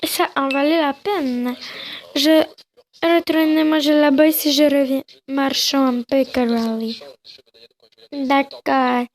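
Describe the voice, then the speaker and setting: A young woman with a high voice reads game dialogue aloud in a slow, unhurried way. She keeps it casual and jokey, slipping in crude asides and giggles. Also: steady tone. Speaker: gamer.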